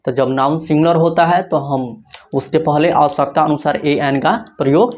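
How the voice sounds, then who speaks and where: A teacher at mid pitch walks through grammar rules in a lecture. He poses a question to the class and answers it himself. He repeats each point slowly so it sinks in. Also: steady tone, darkish tone. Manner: asks rhetorical questions and answers them himself. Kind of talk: Hindi-language grammar lecture.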